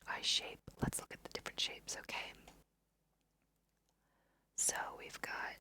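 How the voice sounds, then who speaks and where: In a soft whisper, this let's play host offers ASMR commentary on her game, musing aloud at an easy pace while leading listeners through it.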